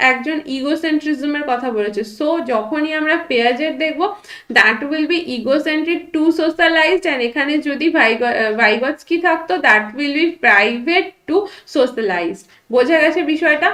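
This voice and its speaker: A woman with a Bengali accent teaching an online exam-prep lesson. She reads English questions slowly, then explains them quickly in Bengali mixed with English. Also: sits high, fairly bright tone, roomy sound, poor audio.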